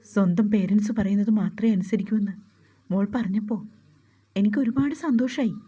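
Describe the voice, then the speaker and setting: Brief: woman doing a timid young student girl, husky and soft-spoken. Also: mid-range voice, a little fast, lightly acted. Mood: earnest. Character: hurt, shy young college girl.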